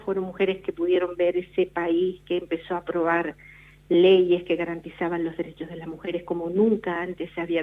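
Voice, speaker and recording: A middle-aged woman from La Palma, a novelist telling her story in a radio interview, often restarting her sentences. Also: fairly low pitch. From La Palma, Canary Islands. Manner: reflective storyteller with frequent restarts. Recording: tinny phone line.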